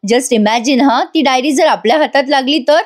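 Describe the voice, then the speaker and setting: A woman putting on a playful, teasing young man with a lively, high voice. He needles his friend and is always cheerful. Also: normal speed.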